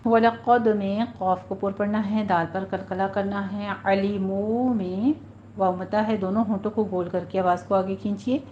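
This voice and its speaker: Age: adult. Sex: woman. Role: Quran recitation teacher. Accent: Pakistani Urdu. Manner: patient, stretches out sample words slowly. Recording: dull lo-fi, faint hiss. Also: mid-range voice, fairly even intonation, mellow. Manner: patient instructional, drawn-out demonstrations of words. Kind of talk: tajweed lesson, explaining and demonstrating recitation.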